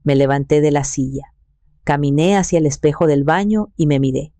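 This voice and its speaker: A woman in her sixties narrating a first-person story in a calm, measured way. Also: deep voice, no room sound. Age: 60s.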